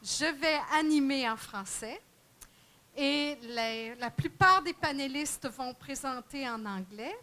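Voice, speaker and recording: A woman's voice: high-pitched, bright, forceful tone. A woman moderating a conference panel, introducing speakers with many fillers and restarts. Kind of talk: bilingual conference panel hosting. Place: conference room.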